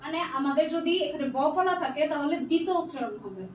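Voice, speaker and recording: High-voiced young woman tutoring in an echoey room. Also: lively intonation, fast. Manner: patient, checks answers one by one, mixes in English words. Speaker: online tutor. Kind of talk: live online class reading student comments. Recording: echoey room, distant mic, faint noise.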